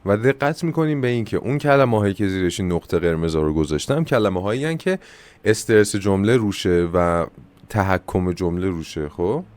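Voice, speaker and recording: A man from Iran with a Persian accent, teaching an English lesson in a casual way. He talks fast and chattily in Persian and slows down to say the English examples with care. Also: low-pitched, animated, a little mellow, no echo.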